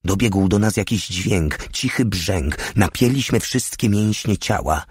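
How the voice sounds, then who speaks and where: Brief: male audiobook narrator, very low voice, dry close-mic sound. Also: measured pace, breathy edge, no room sound.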